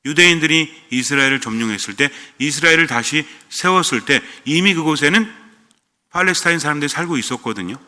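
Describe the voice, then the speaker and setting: Bright-voiced priest in a reverberant church. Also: male voice, fairly high pitch, lively intonation, fast. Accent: standard Seoul-style Korean. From Gyeonggi Province, Korea. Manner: conversational, asks the congregation questions. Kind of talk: sermon.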